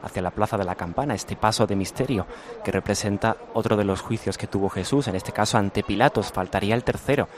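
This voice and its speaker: A man's voice: fairly low pitch, fairly quick, slight background noise. A man working as a field reporter, describing a street procession live as he walks along it. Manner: steady descriptive reporting with small restarts. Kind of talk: live event commentary. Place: outdoor city street among the procession.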